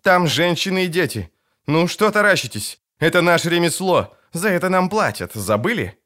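A man reading an audiobook, voicing a fierce, battle-hardened woman mercenary captain who shouts commands. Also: big pitch swings, normal speed. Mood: scornful. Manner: shouted commands, raised high voice.

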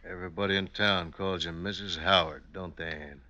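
An actor in an old-time radio drama playing a folksy American outlaw husband, gruff and laconic. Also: male voice, low voice, fairly even intonation, a little fast, sharp tone, dull audio. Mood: easy, affectionate. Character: outlaw husband come home, gruff, watchful and easygoing. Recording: old radio recording with hiss, clicks.

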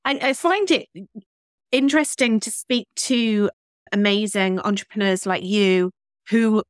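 A woman's voice: medium pitch, a little slow, clear, resonant tone, no room sound, clean studio sound. A woman hosting an interview podcast, chatty and encouraging toward her guest. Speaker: podcast host.

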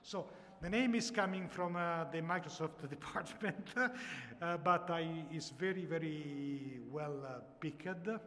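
A man's voice: fairly high pitch, a little slow, a bit bright. A man with an Italian accent, a native Italian speaker, giving an informal talk to an audience, telling a story hesitantly and repeating words as he goes. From Italy. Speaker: conference speaker, software founder. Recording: echoey hall with background noise.

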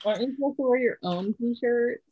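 A woman co-hosting a casual podcast chat, excitable, swearing freely and laughing often. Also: on the high side, brisk, husky, dull audio. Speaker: podcast co-host.

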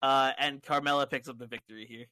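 Bright-voiced man recapping casually. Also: mid-range voice, fairly even intonation, quick pace, dry recording. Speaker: podcast co-host.

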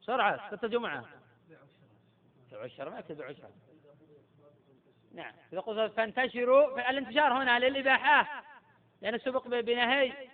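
Middle-aged sheikh, quick high voice, drilling students on each rule; tinny phone-like recording. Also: male voice. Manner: quizzes students and repeats key points. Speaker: sheikh teaching Islamic jurisprudence. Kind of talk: classroom lecture with questions to students.

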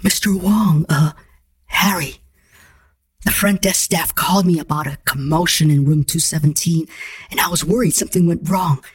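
A man voicing an arrogant young woman who secretly wields magic, speaking in a smooth, condescending way over background music. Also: fairly high pitch, moderate pace, dry recording. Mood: worried.

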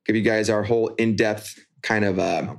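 A man co-hosting a podcast chats casually, upbeat and informal, talking to listeners as if they were friends. His voice is lowish with fairly even intonation and a moderate pace. He's calling in remotely from a holiday rental over spotty Wi-Fi.

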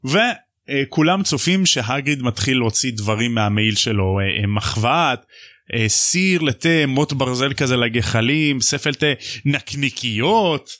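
A man hosting a podcast, casually retelling a book chapter in a jokey, animated way and acting out the voices. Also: medium pitch, dry recording, studio quality. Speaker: podcast host.

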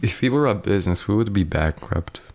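A man's voice: lowish voice, lively intonation, brisk, darkish tone. A young man with a Croatian accent chatting casually as a podcast co-host, blunt and full of bro slang. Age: teenager or young adult. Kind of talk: casual chat.

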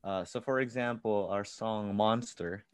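A man's voice: fairly low pitch, measured pace, clear, resonant tone, dry recording. A man who grew up in California and is a songwriter, giving casual interview answers with many fillers and restarts. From born in the Philippines, grew up in California. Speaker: musician, songwriter.

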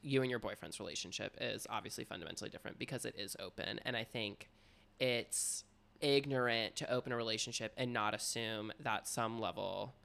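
A man's voice: fairly low pitch, brisk, vocal fry, sharp tone. A young adult man bantering casually in a teasing, sassy drag-queen manner, full of slangy commentary.

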